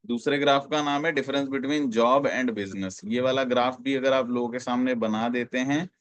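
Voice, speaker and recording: A man's voice: medium pitch, no echo. A man training direct sellers, explaining slides in a repetitive, emphatic way and addressing listeners as companions.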